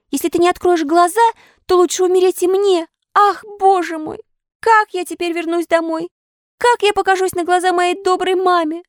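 A high, childlike wooden puppet boy, played by a woman reading a storybook, stubborn and cheeky. His voice squeaks far above an ordinary speaking voice and swings widely. The sound is dry and close. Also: fairly bright tone, no echo. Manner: high squeaky childlike voice, wailing when upset.

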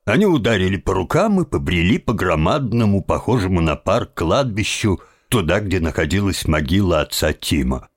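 A man reading a children's novel aloud in a measured, expressive storytelling voice. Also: sits low, breathy edge, no echo, clean studio sound. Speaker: audiobook narrator. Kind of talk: scripted narration.

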